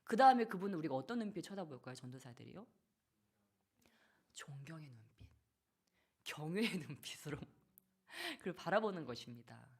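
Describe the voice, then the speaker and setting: Woman pastor in her thirties, low-pitched, lively sermon delivery with playful acted quotes. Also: fast. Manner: lively, animated preaching with acted-out quotes and soft asides. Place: church sanctuary.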